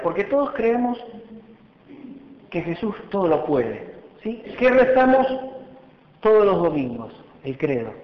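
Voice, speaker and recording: A man with a Rioplatense accent preaching a conversational, animated sermon at a retreat. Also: a little high. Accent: Rioplatense Spanish. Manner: animated, conversational, acts out quotes. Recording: echoey hall, dull sound.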